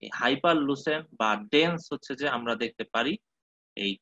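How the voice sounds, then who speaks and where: A man teaching a medical lecture, often pausing to check that his listeners follow and mixing in English terms. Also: medium pitch, bright, forceful tone, dry recording. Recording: dull, dry close recording.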